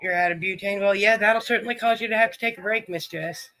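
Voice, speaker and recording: Man hosting a live stream, high bright voice, chatty and friendly with viewers. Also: fast. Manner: chatty, greets viewers by name. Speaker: livestream host. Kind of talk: casual livestream chat.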